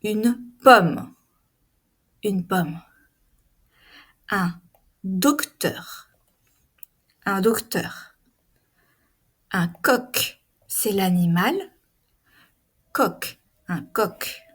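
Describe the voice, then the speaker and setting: A woman teaching pronunciation, saying each word slowly and carefully, repeating it, and explaining the spelling directly to her learners. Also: medium pitch, breathy edge. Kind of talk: pronunciation lesson.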